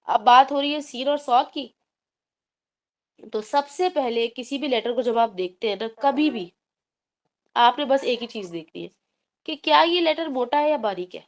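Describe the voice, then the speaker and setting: Patient, high-voiced woman teaching recitation. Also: long pauses. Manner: patient, step-by-step explaining with English terms mixed in. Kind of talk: online class explanation.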